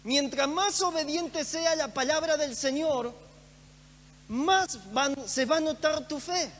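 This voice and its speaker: A man's voice: very high voice, takes it slowly, a bit bright. A man preaching a sermon in a church, earnest and emphatic, repeating phrases for stress. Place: church hall. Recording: echoey church hall with faint hum.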